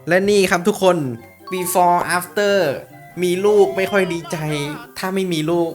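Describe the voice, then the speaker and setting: A man giving animated, jokey commentary while playing a VR game, often addressing his viewers. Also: sits high, unhurried, soft background music. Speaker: gaming YouTuber. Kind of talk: playful VR gameplay commentary.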